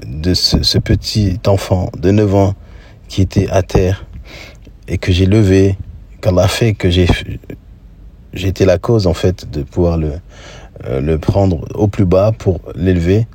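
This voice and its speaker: A man with a very deep, husky voice shares a personal memory in a relaxed, chatty way. He speaks thoughtfully and often stops mid-sentence to search for the right word, like a storyteller casually recounting something from his past.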